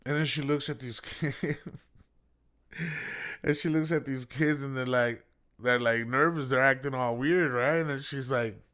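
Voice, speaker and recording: A man's voice: medium pitch, fairly even intonation, unhurried, fairly bright tone. A man, a food delivery driver, telling a story in a casual vlog, chatty and laughing often. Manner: chatty, laughs often, tags lines with "right?".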